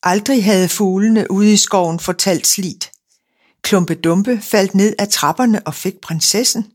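A woman narrating a fairy tale in a calm, measured reading. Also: medium pitch.

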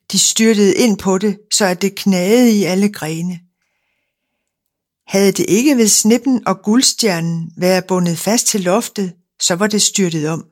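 A woman narrating a fairy tale in a calm, measured reading. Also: mid-range voice.

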